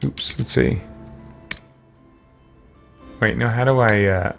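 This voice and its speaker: A man with a medium-pitched, creaky voice provides casual video game commentary, taking his time. He thinks aloud and mutters to himself while working through menus, over game music and keyboard clicks.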